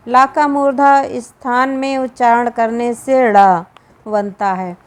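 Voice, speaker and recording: A woman with a Hindi accent, reading and explaining a Sanskrit grammar lesson slowly and deliberately, drawing out each sound. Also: a little high, fairly even intonation. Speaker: Sanskrit teacher.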